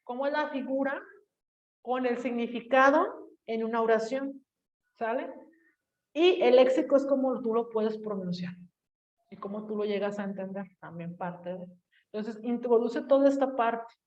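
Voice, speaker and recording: A woman teacher from Mexico with a Jalisco accent lectures her class, talking casually and checking in with her students. Her voice sits a little high. The recording is dull and lo-fi, picked up from a distance in an echoey room. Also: normal speed, a little mellow. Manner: chatty, addresses students directly with tag questions.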